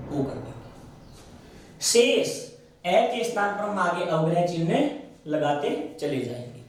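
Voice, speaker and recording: Man, Rajasthani Hindi accent, Sanskrit grammar lecture, high voice, heavy room echo from a distant mic. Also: a little mellow. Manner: asks and answers his own questions, slows on key sounds. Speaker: Sanskrit teacher. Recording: very echoey room, mic far off.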